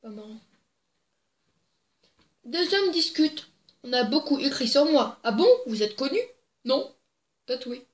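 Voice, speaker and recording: A woman's voice: high voice, lively intonation, measured pace, pauses often. A young woman casually reading jokes to camera, giggly and rambling with crude asides, on a desk microphone. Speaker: joke-telling video host. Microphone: plugged-in desk microphone. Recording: echoey room.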